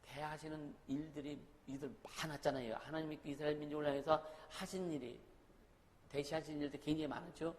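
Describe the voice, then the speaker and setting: A man pastor preaching a sermon in a conversational way, often asking the congregation questions. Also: on the high side. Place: church sanctuary. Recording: long reverb of a hall, faint noise.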